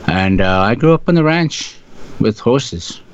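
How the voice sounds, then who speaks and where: A man in his sixties from Africa, telling his life story as an interview guest in a reflective, halting way. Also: mid-range voice, expressive. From South Africa. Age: 60s. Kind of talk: casual storytelling. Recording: dull lo-fi sound.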